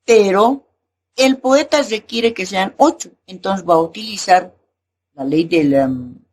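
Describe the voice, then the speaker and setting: A woman teacher explaining poetry lessons, often asking a rhetorical "right?" and pausing with fillers. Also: mid-range voice, darkish tone, slight background noise. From Bolivia. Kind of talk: recorded class lesson.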